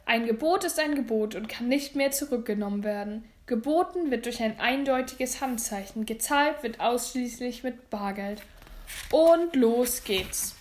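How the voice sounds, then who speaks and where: A woman voicing a flustered middle-aged male auctioneer who calls out bids loudly and eagerly, read as a storybook. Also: on the high side, moderate pace, few pauses, close to an everyday voice. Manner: loud, eager auction calling.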